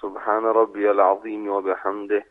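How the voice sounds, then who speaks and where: A man's voice: fairly low pitch, flat delivery. A man from Iran calling into a radio show, reciting formally and thanking the host courteously. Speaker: caller. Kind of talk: recitation and polite phone chat. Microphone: telephone. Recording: phone line call into radio.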